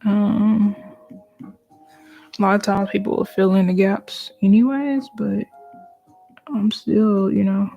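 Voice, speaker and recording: Soft music plays behind a muffled recording of a woman drawing live, her medium-pitched, gravelly voice slow and full of pauses. She chats with viewers in an easygoing way as she works, at times lowering to a whisper.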